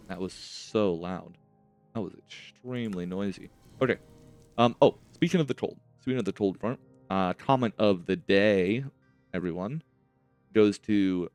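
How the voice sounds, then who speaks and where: A man's voice: fairly low pitch, smooth. A man with a slight lisp from wearing retainers, hosting a casual, chatty gaming let's-play and talking to himself as he plays. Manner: chatty, rambling, self-talk while playing. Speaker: host of a gaming series.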